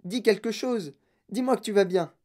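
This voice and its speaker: A woman's voice: fairly high pitch, steady tone, slow pace, warm tone, pitched above the performer's own voice. A woman reading aloud and voicing a frantic, anxious mother with a wailing, pleading manner. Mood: distraught. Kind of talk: audiobook reading.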